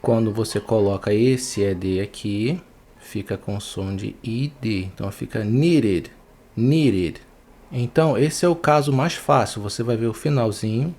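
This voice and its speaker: A man with a Brazilian Portuguese accent teaching English pronunciation, patiently repeating words slowly to show each sound. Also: lowish voice, darkish tone. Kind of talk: online English pronunciation lesson.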